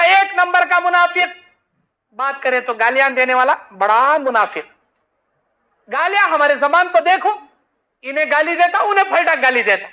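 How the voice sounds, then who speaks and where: A man's voice: extremely high pitch, sharp tone. A male preacher giving an emphatic, repetitive sermon and acting out the people he talks about.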